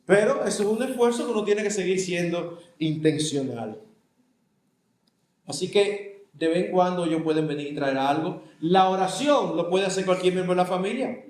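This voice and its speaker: Older Dominican man, pastor, conversational sermon, slightly high voice, echoey room. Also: moderate pace, darkish tone. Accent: Dominican Spanish. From Dominican Republic. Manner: conversational, acts out family dialogues with voices. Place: church hall.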